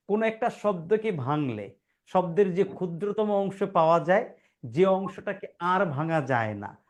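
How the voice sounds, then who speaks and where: A male grammar teacher giving a classroom lesson. He keeps asking rhetorical questions, calls his students "brother" and sounds words out syllable by syllable. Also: high-pitched.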